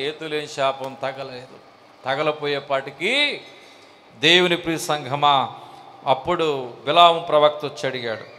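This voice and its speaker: A male pastor preaching a sermon with fervor and shouted climaxes. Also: on the high side. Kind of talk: Telugu sermon.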